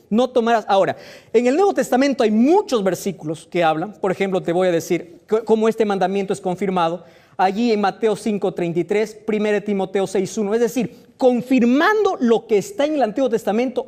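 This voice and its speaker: A man preaching a sermon, firing rhetorical questions at the listener and voicing imagined objections, with dramatic swings in pitch and loudness.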